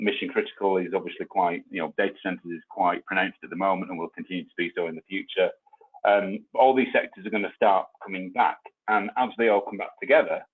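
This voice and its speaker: A man with a deep, husky voice talks through his points on a video call, hedging and correcting himself with plenty of ums. The sound is thin and tinny, like a phone line. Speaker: webinar panelist. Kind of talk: online webinar discussion.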